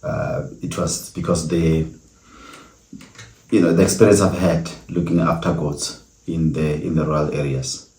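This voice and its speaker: This is a podcast host speaking by himself, a South African man whose voice is very deep and flat. The echoey room carries his sincere, thoughtful storytelling, which he breaks up with many pauses.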